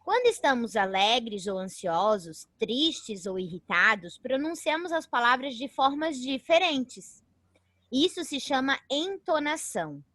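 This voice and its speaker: A woman teacher with a Brazilian accent runs an online class in a chatty, unhurried way, her high-pitched voice sing-song and a bit bright. She often ends sentences with a questioning "né?" and refers to herself as "a professora." There is no room sound.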